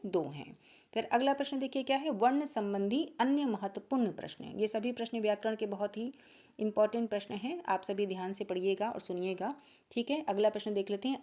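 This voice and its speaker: A woman teaching a Hindi grammar exam-prep lesson. She asks each question, then answers it lower and softer, and repeats key points to check understanding.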